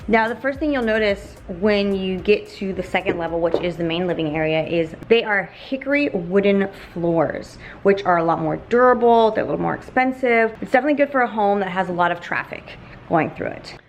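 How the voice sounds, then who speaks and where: A woman's voice: mid-range voice, fairly quick, slight background noise. A woman real estate agent presenting a property tour in a gushing, admiring sales manner.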